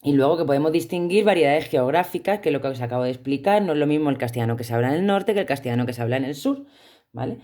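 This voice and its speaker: A woman's voice: deep voice, expressive, rapid-fire, mellow. A woman teaching a class with a Spanish accent from Spain, explaining step by step and checking in with her students. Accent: Spanish from Spain, not Andalusian. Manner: explanatory, checks in with frequent "¿vale?". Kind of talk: recorded remote class lesson.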